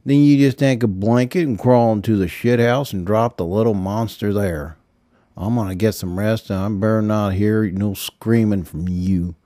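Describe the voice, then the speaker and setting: A man's voice: on the low side, normal speed, dark tone, no echo, clean studio sound, lightly acted. A man voicing a crude, hot-tempered, selfish young man who snarls and swears dismissively in a storybook reading.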